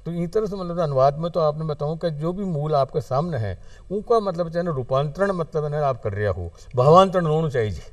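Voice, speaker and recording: A man speaks as a poet and translator on a television studio program, chanting his verse and saying each line twice. His voice sits a little high for a man. The room sounds dry, and he is slightly away from the microphone. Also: animated, brisk, dry recording, distant mic. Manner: recites devotional verse in a sing-song chant, repeating each line. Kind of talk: conversational interview with recited verse.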